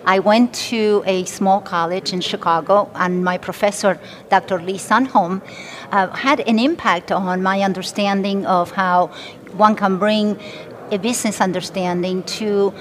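A woman from Argentina, a company president, speaking in a measured, formal way as a guest in a conference interview. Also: medium pitch, steady tone. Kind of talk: conversational interview. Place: conference expo floor.

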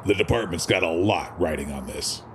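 Man playing low-voiced gruff old police commissioner. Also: moderate pace, slight background noise, natural voice. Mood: weary, grumbling. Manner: folksy, grumbling, streetwise slang. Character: gruff, weary, grumbling older male police commissioner. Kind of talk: audio drama acting.

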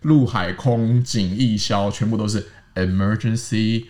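A man's voice: lowish voice, fairly even intonation, a little slow, a little mellow. A man with a Taiwanese Mandarin accent hosting a casual panel chat, explaining English words and spelling them out. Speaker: host teaching English words.

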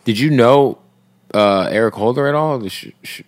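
A man's voice: medium pitch, moderate pace. A man hosting a casual podcast interview, laid-back with short agreeing replies and questions. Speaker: podcast host.

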